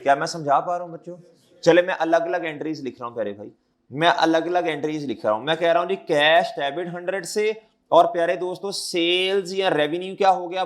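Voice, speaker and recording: A man with a sore throat gives an accounting lecture in a classroom, repeating his questions back to the students. His voice is on the high side.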